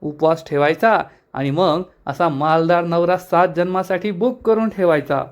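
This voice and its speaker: Mocking woman, sharp tongue, higher voice, a man putting it on. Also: measured pace, close to an everyday voice. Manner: mocking, needling. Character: scornful, taunting woman, sharp-tongued elder relative.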